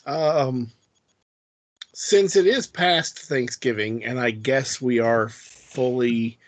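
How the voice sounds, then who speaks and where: A male podcast co-host with a mid-pitched voice who talks his way through a fact, stumbling and restarting often. The sound is dry and close. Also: no room sound. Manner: rambling, hesitant, many fillers and restarts. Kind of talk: casual podcast chat.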